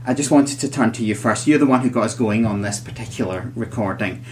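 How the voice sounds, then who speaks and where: A man's voice: on the low side, brisk, a little mellow, slight background noise. A man hosting a psychology podcast in conversational style, chatty, with wry asides, in a recording room with guests.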